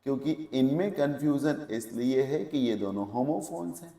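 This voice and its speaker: A man's voice: mid-range voice, moderate pace, creaky, mellow. Male teacher, echoey classroom. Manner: explains step by step, asks checking questions; mixes English words into Hindi. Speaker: English teacher. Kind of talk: classroom lecture.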